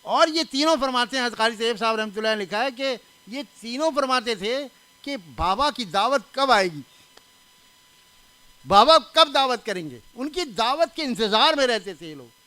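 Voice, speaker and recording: An older man delivers a sermon in a chatty, storytelling way. His voice sits high for a man and sounds smooth and resonant. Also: animated, bright, forceful tone, no room sound. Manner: conversational, anecdotal, stresses correct pronunciation; laughs at his own anecdotes. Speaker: religious scholar giving a reform talk.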